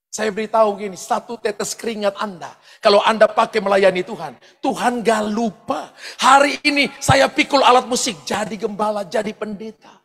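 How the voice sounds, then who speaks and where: A pastor telling personal stories in a sermon, animated, often shouting out quoted lines and laughing as he goes. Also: high voice, normal speed. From eastern Indonesia. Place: large church hall. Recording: long hall reverb from church sound system.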